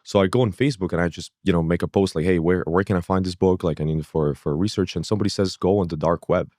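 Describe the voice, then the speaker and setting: A man's voice: low voice, rapid-fire, a little mellow, dry recording, studio quality. A man in his thirties, born in Kazakhstan, telling his story as a podcast guest in a rambling way, full of fillers and acted-out asides. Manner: rambling, fillers, acts out his own past thoughts. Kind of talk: casual interview.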